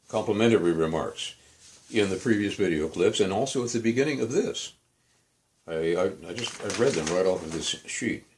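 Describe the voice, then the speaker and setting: An older man giving a rambling, emphatic complaint monologue for his video blog, often correcting himself mid-sentence. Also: fairly low pitch. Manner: digressive, self-correcting, emphatic. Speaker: video blogger.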